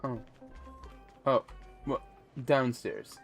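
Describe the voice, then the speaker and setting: Brief: man, unhurried deadpan game commentary, swears freely, mid pitch. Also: over loud music. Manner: sarcastic, profane, slow-spoken. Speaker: streamer. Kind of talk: casual gameplay commentary.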